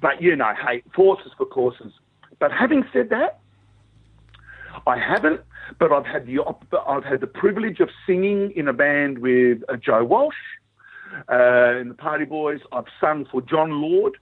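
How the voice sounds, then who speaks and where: A middle-aged man with a broad Australian accent and a husky voice, chatting casually and telling anecdotes as an animated interview guest. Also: a little high, measured pace, no echo. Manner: animated storytelling, acts out quoted remarks. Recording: tinny phone-like line.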